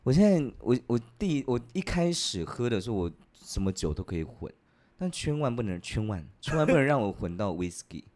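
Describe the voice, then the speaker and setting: Animated, laughing male storyteller. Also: mid-range voice, a little fast. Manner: animated, laughs often while telling a story. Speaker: podcast co-host. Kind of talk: casual chat, comic storytelling.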